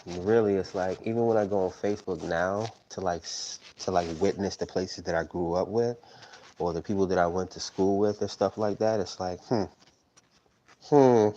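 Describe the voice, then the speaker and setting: A man's voice: low voice, moderate pace, warm tone, lo-fi sound, a little hiss or hum. A man in his thirties hosting a tarot live stream, rambling casually and tagging his points with "right?". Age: 30s. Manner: rambling, tags sentences with "right?".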